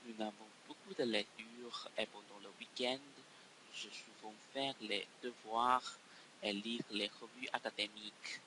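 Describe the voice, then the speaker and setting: A man's voice: on the low side, background noise. A man, a doctoral student carefully reciting a prepared self-introduction in learner's French.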